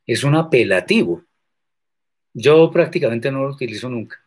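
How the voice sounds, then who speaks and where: A man teaching scripture in a measured, deliberate way, answering viewer questions and stressing points with sharp questions. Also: medium pitch, animated, slightly rough. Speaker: religious teacher.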